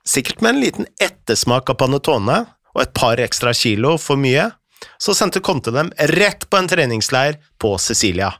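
A narrator, reading a scripted story in a lively, amused way. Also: mid-range voice, no echo, studio quality.

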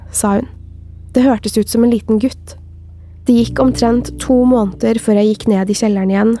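Woman slowly reading a scary story. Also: fairly high pitch, warm tone. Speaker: podcast co-host. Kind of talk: reading a listener's horror story aloud.

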